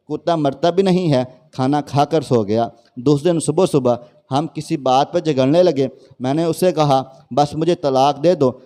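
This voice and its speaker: A man's voice: a little high, mellow. A man reading out a woman's sad first-person story as scripted narration.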